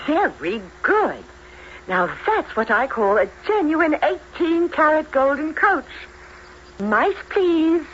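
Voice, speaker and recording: A woman's voice: sits high, big pitch swings, slow, fairly bright tone, full character voice. An actress playing a kindly, absent-minded fairy godmother in a children's fairy-tale drama, speaking with the grand flourish of a stage magician. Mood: grand, delighted. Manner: theatrical magician, grandly incanting and exclaiming. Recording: dull lo-fi recording with faint noise.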